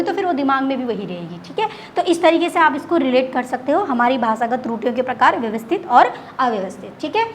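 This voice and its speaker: A woman with a high voice teaches an online exam-prep class. She repeats key words and asks questions that she answers herself. A faint hiss sits under her voice.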